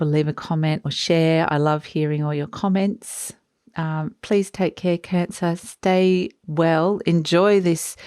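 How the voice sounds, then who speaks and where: Tarot reader lady, low voice, dreamy, lots of ums and restarts. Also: darkish tone, clear, resonant tone, dry recording, clean studio sound. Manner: dreamy, searching for words, many fillers. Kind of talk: tarot reading monologue.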